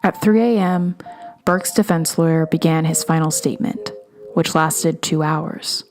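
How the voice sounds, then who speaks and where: Woman, podcast host, lowish voice, true-crime narration, steady, soft music behind. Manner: measured, steady storytelling.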